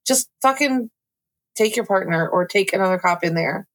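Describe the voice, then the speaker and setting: A woman's voice: medium pitch, animated, normal speed, fairly bright tone. A woman co-hosting a casual book review podcast who talks bluntly and swears freely as she vents about the story. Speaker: podcast co-host.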